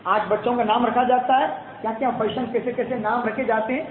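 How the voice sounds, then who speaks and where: Guy preaching a sermon, really high voice, keeps repeating himself, echoey room. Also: little pitch movement. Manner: repeats phrases, addresses the audience as dear ones and friends. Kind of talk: Islamic sermon in Urdu. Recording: tinny phone-like sound, echoey hall, faint noise.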